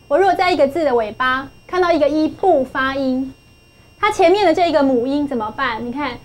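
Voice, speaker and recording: A middle-aged woman teaching English phonics to a class, patient and coaxing, repeating points and asking for answers. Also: high-pitched. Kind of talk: classroom lesson.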